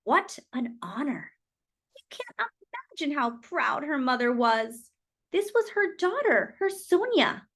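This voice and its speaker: This woman's voice sits high as she reads a children's picture book aloud like a storyteller. She phrases lines expressively and deliberately, adding dramatic emphasis.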